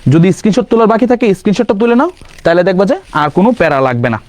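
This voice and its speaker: A young man teaching grammar for an exam-prep class, firing quick questions and answering them himself, casually mixing in English words. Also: high voice, sing-song, a little mellow. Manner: quizzing with rapid questions and self-answers. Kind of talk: online exam-prep lesson.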